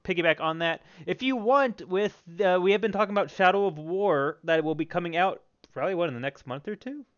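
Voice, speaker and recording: Podcast host, male, smooth and resonant, fairly high, chatty gamer talk, slightly dull audio. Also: brisk, a bit bright. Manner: chatty, enthusiastic, frequent restarts. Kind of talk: casual gaming podcast chat.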